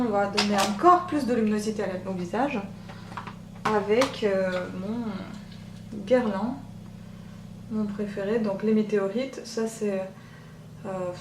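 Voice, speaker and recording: A woman with a soft voice talking through a makeup tutorial in a relaxed, chatty way, pausing often. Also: mid-range voice, far from the mic. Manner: chatty, hesitant with many pauses. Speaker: beauty vlogger. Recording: roomy echo, off-mic, machine hum. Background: machine hum.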